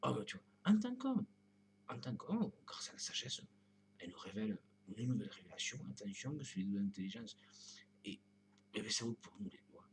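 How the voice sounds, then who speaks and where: A man's voice: fairly low pitch, big pitch swings, a little fast, slight background noise. A man talking straight to his own videos in a rambling spiritual monologue, full of repeated fillers, often sinking to a whisper. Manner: drifting, repeats "tu vois", often drops to a whisper. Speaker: video blogger.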